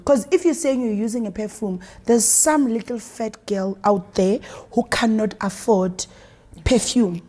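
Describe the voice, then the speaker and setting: A South African woman talking in a calm, measured way during a casual group chat. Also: on the high side. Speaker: guest.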